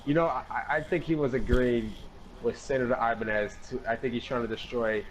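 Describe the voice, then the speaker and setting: A man with a medium-pitched, fairly even voice talks briskly as host of a parody political panel, rambling with plenty of fillers and repeated words in an improvised online chat show. There's slight background noise and the recording quality is low.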